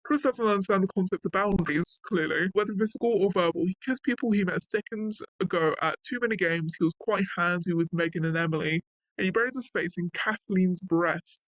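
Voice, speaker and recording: A man's voice: high voice, brisk, fairly bright tone, no room sound, lo-fi sound. A man reading a wiki article aloud and breaking off into casual asides, often saying "like". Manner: reads passages, then breaks off into offhand asides with frequent "like".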